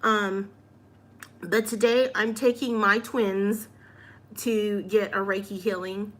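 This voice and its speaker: A woman's voice: medium pitch, fairly even intonation, takes it slowly, a bit bright. A woman doing a casual tarot reading in an upbeat, encouraging way, often checking in with "all right?". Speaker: tarot reader.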